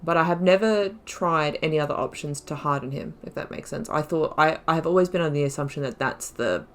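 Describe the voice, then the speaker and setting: A gaming channel host, this woman speaks a little fast in a low voice. She narrates a playthrough with casual commentary, reflecting out loud as she plays.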